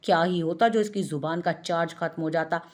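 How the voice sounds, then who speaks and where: A young woman with a short fuse, scolding and threatening in an irritated tone, as a woman reads her lines. The voice is a little low. It is part of a narrated audio story. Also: a little fast, close to an everyday voice. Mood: annoyed. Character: hot-tempered young woman, easily annoyed.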